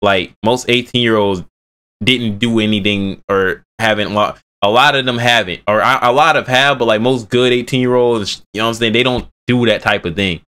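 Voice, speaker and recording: Young male streamer, twenties, slangy rambling reactor, bright tone, headset mic. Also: on the low side, fairly even intonation, moderate pace, smooth. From Bay Area. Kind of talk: casual reaction commentary.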